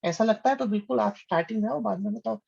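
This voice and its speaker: A man's voice: high voice, fast talker, creaky, a little mellow, muffled recording. A man teaching maths in a live online class. He calls students "beta," reads out their names, praises their answers and repeats his questions back to them.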